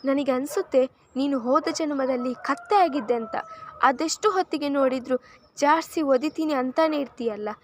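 A woman's voice: sits high, slight background noise, close to an everyday voice. A woman playing a teasing young wife. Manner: coaxing, drawn-out teasing.

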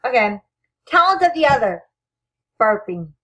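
Teen girl host, high and lively voice, teasing, giggly, reads questions off a sheet. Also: measured pace. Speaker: channel host. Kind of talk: casual best friend tag video.

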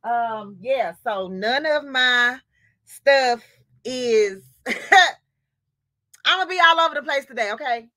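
Woman host, bright tone and dry close sound, chatty and loose, greeting livestream viewers. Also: on the high side, slow, pauses often, no echo. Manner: chatty, laughing, scattered, addresses viewers as queen. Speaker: livestream host of a sewing channel.

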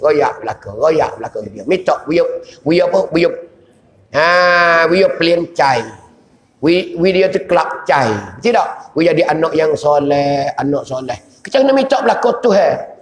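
A man with a Patani Malay accent, a religious teacher giving a sermon in a sing-song, prayer-like cadence full of repeated invocations and sudden shouts. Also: fairly high pitch. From southern Thailand. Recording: echoey hall with long reverb.

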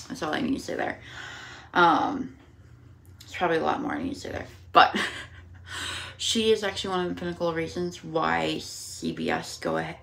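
A woman's voice: sits low, vocal fry, a bit bright, low-quality recording. A tired, out-of-breath young woman chatting casually to camera about her cross-stitch projects, rambling with many ums. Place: home room with windows open.

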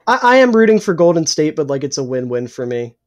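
Young guy ranting hot takes on a sports pod, kinda hoarse, swears a lot. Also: on the high side, very animated, fast. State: losing his voice, clearing his throat. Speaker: podcast co-host. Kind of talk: casual sports chat.

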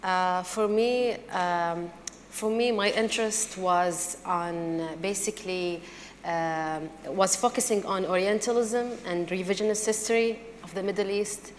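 A woman's voice: mid-range voice, fairly even intonation, measured pace, slight background noise. A young woman speaks thoughtfully and with some hesitation in a middle register. Her voice carries long hall reverb and faint ambience. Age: young adult. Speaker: panelist, student. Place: stage in a large event hall.

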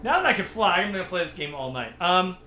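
A man hosting a casual livestream while gaming, excitable and given to swearing and yelling at the game. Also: high-pitched, fast, echoey room, a little hiss or hum. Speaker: streamer host.

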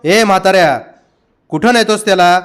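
A man's voice: high voice, moderate pace, a bit bright, clean tone. A man voicing a bold, teasing ten-year-old village boy in an audiobook, with a brash, raised voice.

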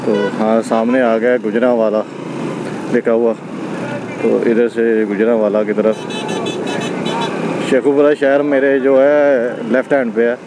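A man's voice: medium pitch, fairly even intonation, unhurried, pauses often, background noise. A young man, chatting to viewers as a travel vlogger while riding a motorbike outdoors, filmed on an action camera. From Pakistan. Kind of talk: casual travel vlog narration.

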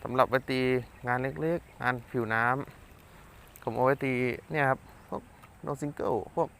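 A man's voice: medium pitch, a little slow, creaky, fairly bright tone, a little hiss or hum. Chatty Thai-speaking... fishing vlogger man outdoors. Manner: chatty, talks to himself while casting. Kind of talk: casual product review vlog. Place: outdoors by the water. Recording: outdoor ambience with faint birds.

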